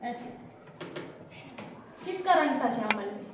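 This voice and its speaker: Brief: woman teacher, high voice, lecturing a classroom, echoey room, mic far off. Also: animated, slow pace, noisy background. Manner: questioning students, drilling answers. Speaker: Hindi teacher.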